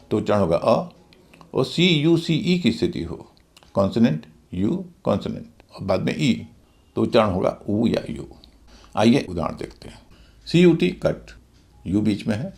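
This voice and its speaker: A man's voice: on the low side, creaky, a little mellow. A middle-aged man teaching English pronunciation, spelling out words letter by letter and explaining the rules step by step. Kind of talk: Hindi-language English lesson.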